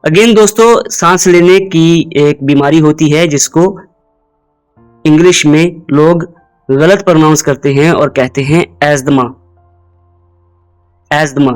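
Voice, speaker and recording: A fairly high-voiced man, teaching pronunciation in an explainer lesson. He drills each word slowly and several times, inviting the listener to repeat after him. Faint music plays underneath. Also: clean tone, rough recording. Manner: drills words slowly, repeats them, asks viewers to repeat. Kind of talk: instructional explainer.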